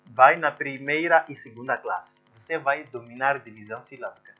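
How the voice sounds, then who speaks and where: A man's voice: medium pitch, normal speed, lo-fi sound, soft background music. A man, working through exam answers as a teacher and sounding out syllables step by step. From Mozambique. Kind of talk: exam walkthrough lesson.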